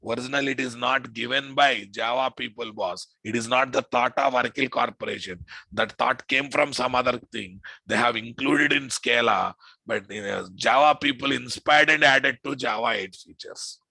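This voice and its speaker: A man with a Telugu Indian English accent teaches programming informally, his mid-range voice gravelly, bright and forceful at a moderate pace. Emphatic and repetitive, he regularly asks the class questions to check understanding. The recording is dry and rough.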